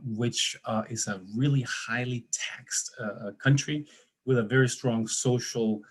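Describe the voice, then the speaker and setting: A man's voice: mid-range voice, steady tone, a little slow. A man in his forties from Denmark, a financial planner moderating a webinar, telling his story in a conversational way with many fillers. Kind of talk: casual personal introduction.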